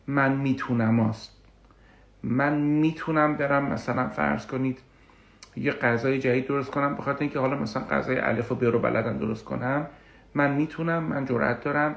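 A man working as a coach gives an explanatory talk on confidence, animated and full of personal examples. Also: mid-range voice, vocal fry. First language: Persian. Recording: echoey room.

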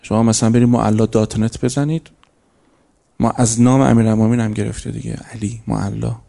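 A man lectures on faith and character before a live audience, his voice mellow and dark with a gravelly edge. He talks in a loose, conversational way and tells small stories. Now and then he lifts into sharp, emphatic peaks. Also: fairly low pitch, little pitch movement. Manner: conversational, storytelling, rises into emphatic bursts. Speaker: lecturer on religious ethics. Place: lecture hall.

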